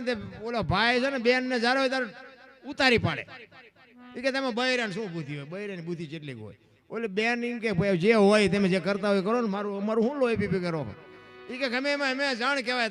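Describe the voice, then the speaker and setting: A man's voice: quick pace, soft background music. A man telling a folk tale in dayro style, acting out each character's lines. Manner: animated, acts out characters' lines with shifting pitch. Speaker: folk storyteller. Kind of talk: Gujarati folk dayro storytelling.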